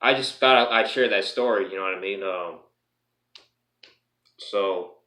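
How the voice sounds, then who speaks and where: A man tells a story in a casual vlog. He rambles and keeps saying "you know," and he swears freely. His voice comes across bright and forceful, with a roomy echo around it. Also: lowish voice, measured pace. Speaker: martial arts instructor.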